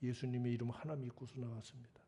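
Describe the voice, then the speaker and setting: Mellow-voiced man preaching a sermon. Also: mid-range voice, little pitch movement, fast talker. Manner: conversational, scolding and joking, acts out prayers. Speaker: pastor. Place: church sanctuary.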